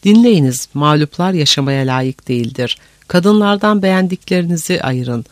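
A man voicing a cruel, contemptuous Mongol prince who barks orders in an audiobook, in a higher, forceful voice. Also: lively intonation, normal speed, no echo, natural voice. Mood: cruel, commanding. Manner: mocking, commanding, contemptuous. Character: cruel gloating Mongol prince, commanding conqueror. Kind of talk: audiobook character voice.

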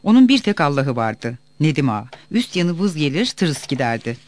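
A man reading a novel aloud as narrator, in an expressive storytelling manner. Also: a little high, moderate pace, dry recording.

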